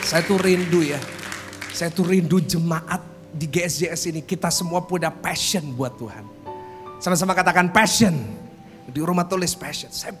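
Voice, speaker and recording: Joking preacher man over guitar music. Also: fairly high pitch. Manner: animated joking storytelling, acts out quotes. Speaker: pastor. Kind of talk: humorous sermon. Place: church service. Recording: sermon with guitar music underneath.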